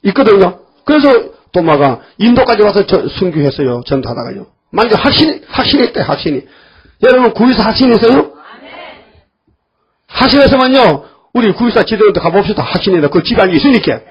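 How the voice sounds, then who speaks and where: A man's voice: high-pitched, sing-song, brisk, breathy edge. An older man preaching a folksy sermon, scolding his congregation and acting out voices of biblical figures. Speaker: pastor. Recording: dull lo-fi church recording.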